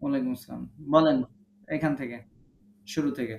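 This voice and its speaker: A man's voice: medium pitch, steady tone, brisk, vocal fry, roomy sound, dull audio, noisy background. A man teaching a recitation class online, patiently correcting students and modeling short vowel sounds for them to repeat. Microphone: online video call.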